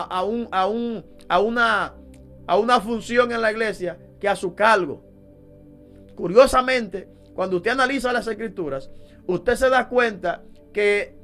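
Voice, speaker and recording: A man's voice: sits high, fairly bright tone. A man preaching a sermon as a deliverance minister, emphatic and fond of rhetorical questions.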